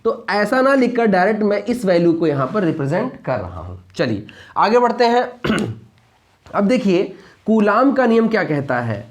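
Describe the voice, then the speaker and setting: Teaching physics, this man raises rhetorical questions and then answers them, goes over key points again and often checks that the class is keeping up. His voice is high and very animated, at an ordinary pace.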